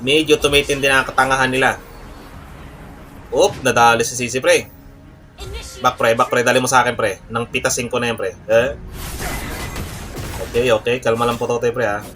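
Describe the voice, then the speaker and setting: A young man trash-talks his way through a match, swearing at teammates and bragging about his own strength. His voice is bright and forceful. Faint game music sits behind him. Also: medium pitch, moderate pace, pauses often. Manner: brash, cursing trash talk at teammates and enemies; boastful, mock-calm refrains. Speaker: gaming streamer. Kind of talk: live gameplay commentary.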